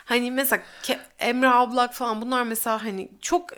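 Female podcast co-host, higher-pitched, informal, conversational, gropes a little for words. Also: steady tone, brisk, fairly bright tone. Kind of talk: casual chat.

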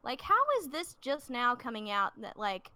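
A woman's voice: fairly high pitch, animated, normal speed, a crowd in the background. A woman in her twenties, co-hosting a true crime podcast, chatting casually with lots of fillers and some swearing. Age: 20s. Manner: chatty, filler-heavy, swearing, self-deprecating. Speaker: podcast co-host telling a true crime story. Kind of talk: casual podcast chat and storytelling.

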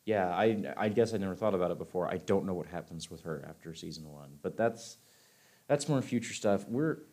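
A man's voice: low-pitched, lively intonation, a little fast, a little mellow. A man co-hosting a casual podcast, rambling and often breaking off mid-sentence, laughing easily. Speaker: podcast co-host.

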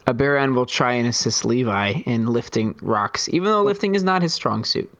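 A man playing in a tabletop role-playing session, his voice mid-pitched. He speaks earnestly and gets straight to the point, recorded close and dry. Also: lively intonation, moderate pace, a bit bright, no echo, muffled recording. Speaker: player. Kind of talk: tabletop role-play chat.

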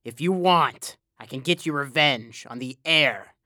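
A woman voicing a thin, sly little man who talks in a slow, wheedling, persuasive way, reading a storybook. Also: rumbling low, bright, forceful tone, no room sound, studio quality, voice pushed down, exaggerated voice. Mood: scheming.

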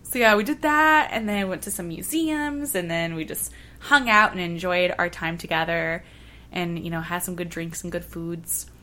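Woman guest, bright voice, chatty and animated, lots of likes and ums, a bit low-pitched. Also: normal speed. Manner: animated storyteller, filler-heavy, laughs often. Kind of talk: casual chat.

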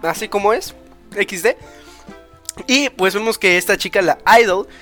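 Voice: mid-range voice, expressive, normal speed, fairly bright tone, soft background music. A speaker, co-hosting a podcast and recapping an anime episode in casual chat. They ramble, with many fillers and tag questions. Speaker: podcast co-host.

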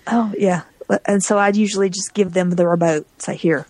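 A woman's voice: fairly low pitch, fairly even intonation, normal speed, a little mellow, dry recording. A woman co-hosting a podcast in a casual chat, chatty and laughing between remarks. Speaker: podcast co-host.

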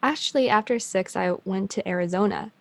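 Chatting casually as a guest, this young woman, Chinese-born and Canadian-raised, speaks with a Canadian accent carrying a slight Chinese tinge. Her mid-range voice is creaky and a little fast, recorded without echo, and she laughs easily amid lots of ums and restarts.

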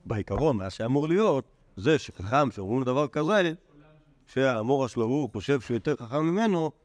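A man, a rabbi, teaching a Talmud class, animated and full of repeated words and fillers. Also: mid-range voice, no echo. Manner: animated, acts out quoted sages in a raised voice. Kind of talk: lecture to a class.

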